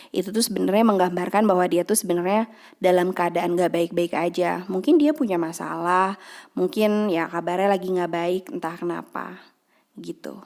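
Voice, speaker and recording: A young woman teaching a casual online English lesson, chatty and warm in tone to her students, slowing down and lifting her voice to repeat each example phrase. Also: lowish voice, creaky.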